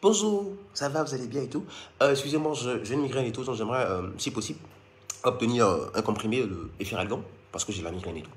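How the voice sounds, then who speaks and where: A man putting on a prim, overly polite French accent, hushed and hesitant as he plays a customer at a pharmacy. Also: medium pitch, lively intonation, fast, voice pushed down, close to an everyday voice. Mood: mock polite.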